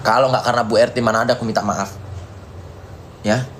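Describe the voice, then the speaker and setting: An Indonesian man ranting on a live stream, hurling insults and mocking taunts in a repetitive tirade. He keeps answering viewer comments and dropping "ya" between lines, at a mid-range pitch with a faint hiss of background noise. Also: fairly even intonation, fast, fairly bright tone. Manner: repetitive, peppered with "ya".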